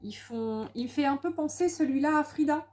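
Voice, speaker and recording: A woman's voice: high voice, normal speed, a little mellow. A woman from France chatting casually at home about craft supplies she bought, enthusiastic and full of little hesitations and repeats. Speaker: crafting vlogger. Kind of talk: casual haul and craft chat.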